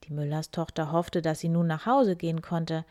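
A woman reading a fairy tale aloud in a slow, hushed, breathy voice. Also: low voice, fairly even intonation, no echo. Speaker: storyteller. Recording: dry close recording.

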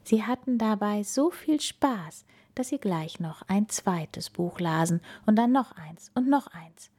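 A woman in whispered story reading, telling a children's story aloud in a slow, hushed way. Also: medium pitch, animated.

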